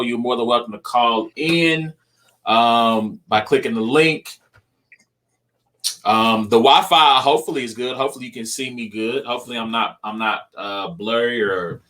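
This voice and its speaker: A man's voice: medium pitch, bright, forceful tone. A young man hosting a podcast, talking loosely and rambling with lots of ums. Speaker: podcast host. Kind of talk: casual podcast chat.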